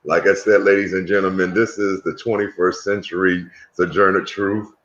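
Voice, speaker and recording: Very deep-voiced male interview host. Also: little pitch movement, moderate pace, a bit bright, muffled recording. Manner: rambling, restarting questions with fillers. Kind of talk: interview, casual questions.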